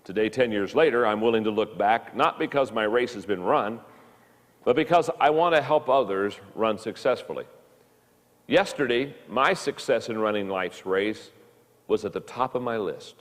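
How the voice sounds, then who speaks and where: This recorded leadership lesson comes from a man in his fifties whose voice is on the low side, followed by a long reverb tail. He talks haltingly, stumbling and repeating words often.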